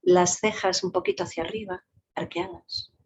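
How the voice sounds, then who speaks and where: A woman, a psychologist and yoga teacher, explaining a topic in a talk with lively, varied intonation and playful vocal demonstrations. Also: on the low side, measured pace, a little hiss or hum. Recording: dull lo-fi recording.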